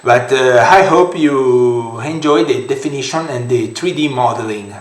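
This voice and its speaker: A man with an Italian accent, a native Italian speaker, guiding a screen-recorded software tutorial in halting English with many fillers. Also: medium pitch. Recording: roomy echoey home room.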